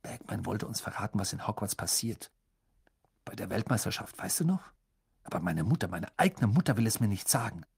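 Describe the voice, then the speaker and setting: A man's voice: on the low side, big pitch swings, a little fast, gravelly, a little mellow, husky, full character voice. Man playing a grumbling, skeptical teen boy. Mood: sulky.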